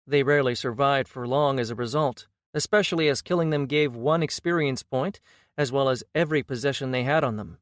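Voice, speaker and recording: A man's voice: mid-range voice, brisk, no room sound, studio quality. Man narrating a fantasy audiobook.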